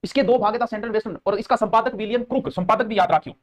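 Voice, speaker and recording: A man's voice: high voice, slight background noise. Playful Rajasthani man teaching drills. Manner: playful, repeats key terms slowly for rote learning; answers chat comments aloud with jokes. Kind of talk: live exam coaching lecture.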